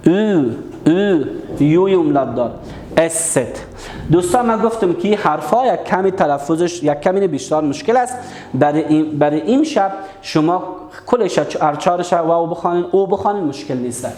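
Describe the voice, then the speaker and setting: A man's voice: sits high, expressive, darkish tone, roomy sound, slight background noise. A man teaching a language lesson online. He is patient, repeats key words and asks the class questions.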